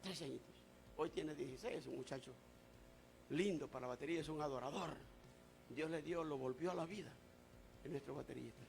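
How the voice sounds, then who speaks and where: A male pastor preaching a sermon, who moves from shouted declarations to quiet, confiding talk. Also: fairly high pitch, a little fast, gravelly, long pauses, a little hiss or hum.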